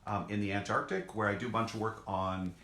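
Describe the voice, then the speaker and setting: Low-voiced man explaining simply, echoey room. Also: steady tone, brisk, sharp tone. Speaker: zoologist co-hosting a children's question session. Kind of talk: casual educational explanation for children. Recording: echoey room, background noise.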